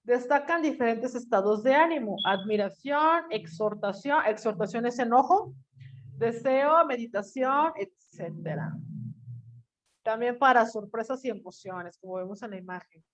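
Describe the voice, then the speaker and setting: A woman's voice: on the high side, animated, a little slow, dull audio, slight background noise. Chatty woman teaching a class. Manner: chatty, teasing, asks the class questions. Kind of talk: online class lecture.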